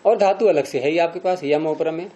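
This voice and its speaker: A man's voice: on the high side, brisk, warm tone, lo-fi sound. A man teaching a classroom lecture on Sanskrit grammar, explaining step by step and quizzing his students as he goes.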